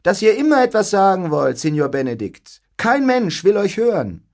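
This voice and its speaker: A man voicing a sharp-tongued, haughty young noblewoman in a storybook, snippy and mocking. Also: a little high, very animated, normal speed, voice pushed up.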